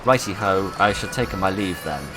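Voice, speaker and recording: A man's voice: low voice, normal speed. A man giving playful, wry commentary while playing a video game. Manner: playful, wry asides, reads game text aloud. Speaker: gaming YouTuber. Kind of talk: let's play commentary. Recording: game music playing underneath.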